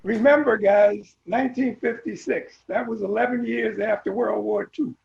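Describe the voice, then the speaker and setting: Older man, high gravelly voice. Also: steady tone, moderate pace, darkish tone, echoey room, lo-fi sound. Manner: wry, joking, addresses the group directly. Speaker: alumnus guest. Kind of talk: casual reminiscing.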